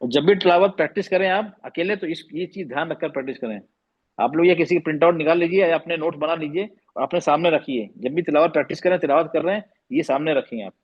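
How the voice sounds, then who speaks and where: A man's voice: fairly high pitch, quick pace, breathy edge, lo-fi sound. A man teaching Quran recitation over a video call, explaining patiently, repeating terms and demonstrating the sounds. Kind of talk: online class lesson.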